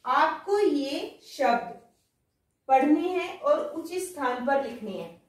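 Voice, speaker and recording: A woman teacher speaks to young pupils in a high, patient voice. She goes very slowly and stretches out each word she reads. Her voice sounds far from the mic, with strong echo around it. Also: lively intonation. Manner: slow, drawn-out word-by-word reading. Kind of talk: children's lesson. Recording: echoey room, voice from far off.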